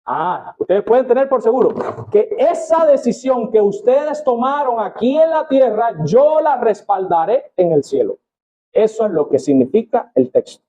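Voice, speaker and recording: A man preaching a sermon in Spanish as a pastor, reading scripture aloud with expressive rises and falls and addressing the congregation as brothers. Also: very high-pitched, moderate pace, muffled recording.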